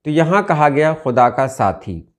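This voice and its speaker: Man, lesson, slightly high voice, unhurried, repeats words. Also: very animated. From India. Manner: slow, deliberate, repeats key words. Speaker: Urdu language teacher. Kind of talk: explaining word meanings from dictionaries.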